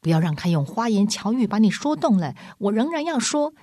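A woman's voice: medium pitch, sing-song, brisk, mellow, no room sound, studio quality, voice pushed up. A woman voicing a fierce, distrustful male dwarf who speaks harshly in a spoken storybook. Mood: hostile. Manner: harsh, hostile.

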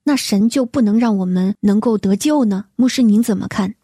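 Woman, faith radio co-host, gentle measured reading, warm mellow tone, dry studio sound. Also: medium pitch, slightly rough, no room sound. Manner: gentle, measured, reads letters aloud. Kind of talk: reading listener letters on a faith program.

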